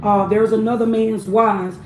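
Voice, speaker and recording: A woman with a mellow, warm voice delivers an intense spiritual message, speaking straight to the listener. She keeps checking in with "okay?" after almost every phrase. The room around her is roomy and echoey, with a faint hiss behind. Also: a little high, flat delivery, measured pace. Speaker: spiritual channel reader. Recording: roomy echo with faint background noise.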